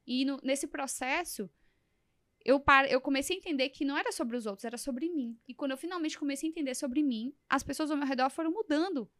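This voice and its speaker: A woman hosting an interview, explaining her ideas in a measured, coaching way. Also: high-pitched, a bit bright, no echo, studio quality. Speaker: host. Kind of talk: reflective interview talk.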